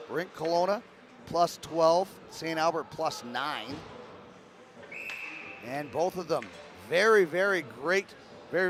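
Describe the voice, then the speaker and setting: A man calling live hockey play-by-play, brisk and rising with the action. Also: high voice. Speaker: play-by-play commentator.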